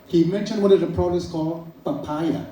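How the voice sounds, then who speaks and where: A middle-aged man from Trinidad and Tobago talks to a live audience as a naturopath, earnest and emphatic as he lists item after item. His voice is dark but sits a little high. It comes from a distance in a very echoey room with faint noise underneath. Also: a little fast. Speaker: naturopath speaking at a product event. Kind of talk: promotional speech to a live audience.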